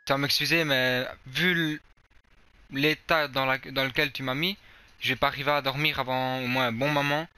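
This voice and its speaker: A man with a Belgian French accent speaks in a very bright, smooth voice. He lectures firmly and repeats the first words of his sentences as he goes. He sounds stern and steady. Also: medium pitch, normal speed, no room sound. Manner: firm, lecturing, stammers at the start of sentences. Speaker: gamer confronting an abusive player. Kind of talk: casual online voice chat.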